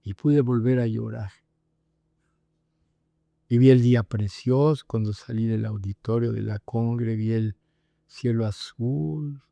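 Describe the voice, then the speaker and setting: A man's voice: medium pitch, slow, creaky, pauses often, mellow, dry recording. A middle-aged male pastor, preaching and praying with fervent emphasis. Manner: earnest, fervent, with rising prayerful emphasis. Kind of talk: sermon and prayer.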